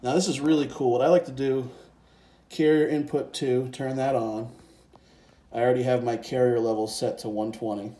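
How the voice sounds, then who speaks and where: In a steady, dark, medium-pitched voice at a moderate pace, this presenter walks through a casual synth and software demonstration, thinking aloud as he works. The setting is indoors next to a synthesizer keyboard, recorded via handheld phone and a separate handheld microphone.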